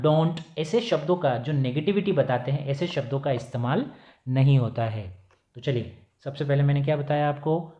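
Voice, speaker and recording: A male teacher giving a recorded grammar lesson, repeating key points as questions to his pupils and slowing down to dictate definitions. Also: on the high side, dark tone. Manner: switches to slow, dictated English for definitions.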